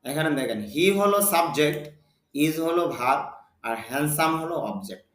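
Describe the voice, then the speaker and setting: Guy teaching english grammar, asks himself questions then answers, kinda high voice, echoey room. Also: a bit bright. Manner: slow, drawn-out reading of English example sentences. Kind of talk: spoken English lesson.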